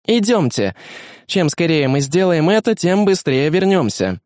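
A man voicing a calm, caring female ship AI in a storybook reading, soft and composed with a light teasing edge. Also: on the high side, a little slow, no echo, studio quality, pitched above the performer's own voice. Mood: wry guiding. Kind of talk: audiobook character voice.

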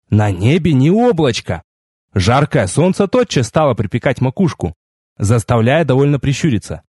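A man reading a first-person fantasy novel aloud with wry, lively storytelling. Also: mid-range voice, slightly rough, no room sound, clean studio sound. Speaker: audiobook narrator.

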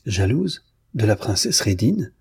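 Un homme lisant à voix haute qui prête sa voix à une jeune femme fière, au ton cinglant et dédaigneux. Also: male voice, fairly low pitch, big pitch swings, a little slow, gravelly, darkish tone, husky, heavily acted. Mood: scornful. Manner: cutting, disdainful. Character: proud young woman, scornful and calm.

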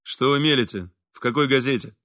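A stern, self-assured swindler, as a man voices him in an audiobook reading, lower than the narration and curt in every order. The voice stays bright and forceful in a dry, close sound. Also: fairly quick, no room sound, lightly acted. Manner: curt, commanding. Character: stern, confident male swindler.

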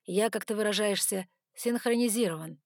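A woman's voice: mid-range voice, normal speed, no room sound, clean studio sound, close to an everyday voice. A woman voicing a sly, sarcastic male ice dragon who talks in a teasing, offhand way.

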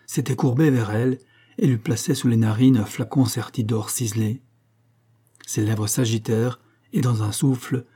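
Man reading an old adventure book, mellow husky voice, steady and dramatic. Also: mid-range voice. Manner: measured, dramatic storytelling. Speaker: audiobook reader. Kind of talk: literary audiobook narration.

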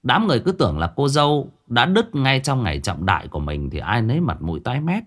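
A man narrating a folk ghost story in a colloquial, expressive storytelling manner. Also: mid-range voice, fast. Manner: lively, colloquial, expressive telling.

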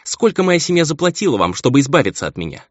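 A man's voice: a little high, sing-song, fast talker, dry recording, voice pushed up. A man voicing a bitter, scornful noblewoman and mother in a raised voice, on a dull, lo-fi recording.

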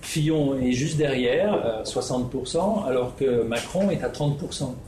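A man's voice: medium pitch, unhurried, warm tone, slight background noise. A man from the Netherlands, giving a spoken presentation as a researcher, hesitant with many fillers and restarts. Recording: echoey room with faint ambience.

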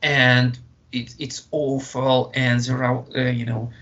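A man from Russia with a Russian accent, speaking English in a halting way with many fillers and restarts as an interview guest. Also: medium pitch, level tone, a bit bright, lo-fi sound. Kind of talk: conversational interview.

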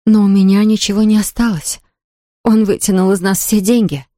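This reading has a narrator performing an overwrought homeowner, a middle-aged woman close to hysterics because her house is ruined. Medium in pitch and steady in tone, the voice moves at a moderate pace, mellow and near an everyday register. It's a dry, close studio take without echo.

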